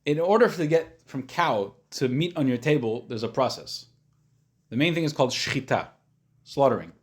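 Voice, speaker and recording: A man giving an informal lesson as a rabbi, explaining in plain, casual words and often pausing to search for the next one. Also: mid-range voice, lively intonation. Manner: hesitant, searching for words, thinking aloud; casual, plain-spoken, simplifying. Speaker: rabbi teaching a class.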